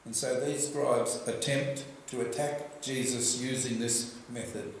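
An older Australian man preaching a sermon at a church lectern, telling the story in a lively way and asking the congregation questions. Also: mid-range voice, measured pace, a little hiss or hum. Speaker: pastor. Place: church hall with projection screen. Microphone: lectern microphone. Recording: very echoey church room.

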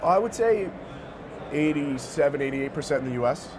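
His voice sits a little high, with lively intonation at a normal speed: an American co-founder in his thirties being interviewed. He replies casually and with slang in a sneaker shop showroom indoors, where background noise is clearly audible.

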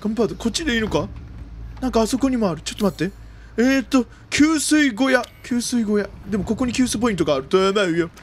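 A man doing jumpy let's-play commentary of a horror game, often repeating exclamations quickly and using old-man turns of phrase. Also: high voice, animated, slight background noise. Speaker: video game streamer.

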